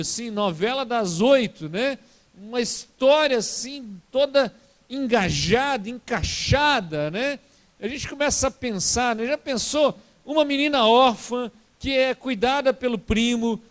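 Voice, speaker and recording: High-voiced Brazilian pastor telling a story. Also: male voice. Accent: Brazilian Portuguese. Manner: colloquial storytelling, frequent tag questions. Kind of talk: sermon.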